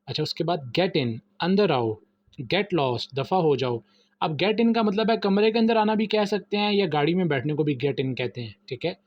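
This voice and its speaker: Male teacher, Pakistani Urdu accent, higher voice, says phrases slowly before explaining them, dry muffled voice-over. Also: expressive, no room sound. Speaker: English teacher. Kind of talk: vocabulary lesson.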